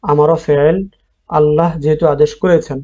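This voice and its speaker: A man with a Bangladeshi Bengali accent teaching an online Arabic class, drilling word forms slowly and repeating them. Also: a little high, level tone, a little mellow, dull audio.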